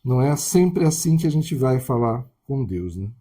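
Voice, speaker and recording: Husky, mellow Brazilian man preaching. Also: mid-range voice, very animated, moderate pace. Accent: Brazilian Portuguese. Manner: conversational, constant tag questions. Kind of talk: sermon.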